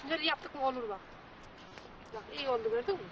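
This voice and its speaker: A woman gives quick, coaxing instructions in a high voice. She is recorded from a distance, and loud background noise comes through with her. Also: lo-fi sound. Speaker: host family member teaching cooking. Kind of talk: instructive casual talk. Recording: noisy recording from off-mic.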